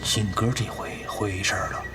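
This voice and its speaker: A man's voice: lowish voice, fairly even intonation, normal speed, over music, lightly acted. An actor playing a timid male servant who stammers constantly, repeating syllables, in a costume comedy TV drama. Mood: flustered.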